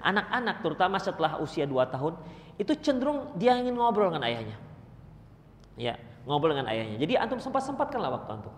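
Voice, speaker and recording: A man giving a religious study lecture as a preacher, animated and acting out parents and children. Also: sits high, fast, slight background noise. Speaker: Islamic preacher. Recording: long hall reverb.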